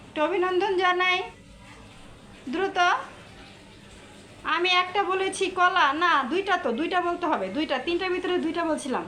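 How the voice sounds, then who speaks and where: A woman's voice: very high-pitched, normal speed, pauses often, pushed and bright. A woman from Bangladesh, hosting a casual live stream, chatty and repetitive as she teases her viewers. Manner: chatty, repeats herself, teasing viewers.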